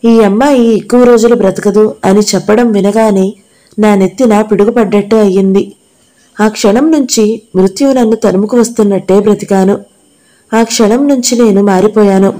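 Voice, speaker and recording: A woman reading the part of a gravely ill young woman dancer, speaking softly and with sorrow. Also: medium pitch, close to an everyday voice.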